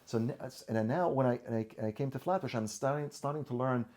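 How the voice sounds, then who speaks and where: Speaking at a quick pace in a mid-range, slightly mellow voice, this Syrian man, whose native language is Arabic, recounts personal stories in conversation as a podcast guest. He's earnest and often restarts or repeats words.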